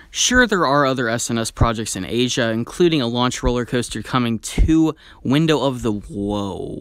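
A man talking in an excited, chatty way as a theme park vlogger, sharing strong opinions in video commentary. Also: mid-range voice, clean tone, dry recording.

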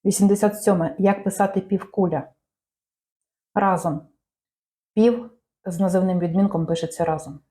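A woman reading out language quiz questions and answers in a measured, clear teaching manner. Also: medium pitch, fairly even intonation, warm tone. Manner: measured, clear dictation-like delivery.

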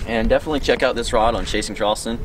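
A man's voice: medium pitch, rapid-fire, a little hiss or hum. A young man outdoors on a waterfront pier, casually walking through the features of a fishing rod he makes, with plenty of ums and uhs. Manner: relaxed, with frequent ums and uhs. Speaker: rod maker presenting his product. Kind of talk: casual product walkthrough. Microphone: camera mic at a distance. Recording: distant voice with background music. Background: music.

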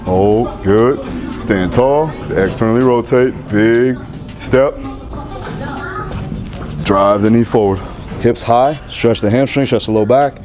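In a large indoor gym with music playing, a strength coach in his thirties leads a workout with punchy, repetitive commands and encouragement. His voice is mid-range, and he takes it slowly, pausing often.

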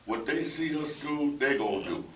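A man's voice: medium pitch, lively intonation, normal speed, fairly bright tone. A male veteran on a radio roundtable, earnestly urging listeners to reach out. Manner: earnest, appealing directly to listeners. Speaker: veteran panelist. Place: small radio studio. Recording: roomy, distant camera audio with faint noise.

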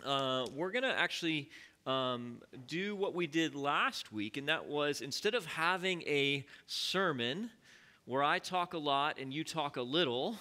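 Leading Bible study in the church sanctuary, a man whose voice sits on the high side talks easily and conversationally, peppering his teaching with fillers and questions to the congregation.

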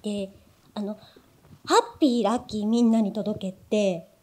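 A woman speaks from a cinema stage as a voice actor guest, mid-pitched with a mellow tone. She talks in a thoughtful, measured way. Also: fairly even intonation. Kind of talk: stage event remarks. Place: cinema stage before an audience.

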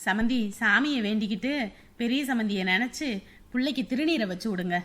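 Woman acting as a mother-in-law, middle-aged, bossy but caring, bright raised voice, family drama. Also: a little high, expressive, a little fast. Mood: reassuring. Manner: reassuring and commanding.

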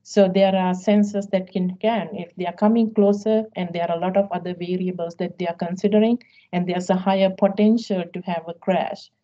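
A middle-aged woman, a professor as featured guest, answering questions in a measured, explanatory way with frequent ums over a video call. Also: on the low side, fairly even intonation, warm tone. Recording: dull lo-fi video call audio.

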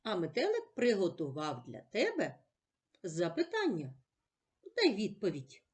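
Woman teacher for a children's reading lesson, slow and lilting, each word spelled out clearly. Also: mid-range voice, huge pitch swings.

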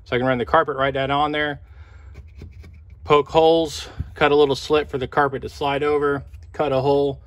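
Out on a patio and driveway, at a car, a middle-aged man with an American accent gives a plain, step-by-step DIY repair walkthrough. His pitch is fairly high and his tone fairly bright, delivered flatly at normal speed, with clear outdoor sounds behind him.

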